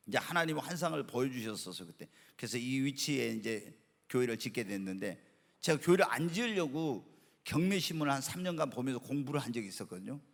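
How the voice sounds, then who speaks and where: A middle-aged man preaching a sermon as pastor, telling stories in an animated way and acting out quotes. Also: mid-range voice, gravelly. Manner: animated storytelling with acted quotes. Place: church sanctuary. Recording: long hall reverb.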